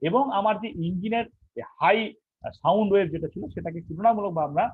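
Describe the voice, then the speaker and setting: Male teacher, fairly high voice, rapid delivery, lots of rhetorical questions, tinny phone-like lesson recording. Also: husky, no echo. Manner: explains step by step, asks rhetorical questions. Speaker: instructor. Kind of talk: online technical lesson.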